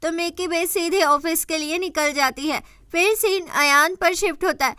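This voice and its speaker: A woman narrating an episode recap in a steady storytelling manner, moving from scene to scene. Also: extremely high pitch, normal speed, no room sound, clean studio sound.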